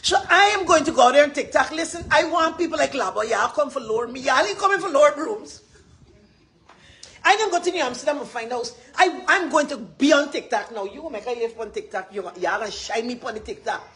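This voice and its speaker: A community advocate with a Guyanese accent delivers a passionate, rambling live address, hammering her points home through emphatic repetition. Her high voice is expressive, brisk, and a little bright.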